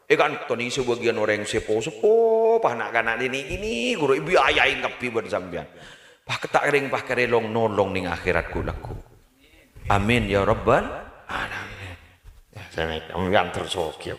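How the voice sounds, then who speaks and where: A man preaches a funny sermon at an evening gathering, his pitch leaping lively between low asides and high shouted punchlines. The sound carries an echoey, roomy quality from the live event. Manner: animated storytelling with sudden high-pitched shouts and laughter. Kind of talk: humorous sermon. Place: evening public religious gathering at a home.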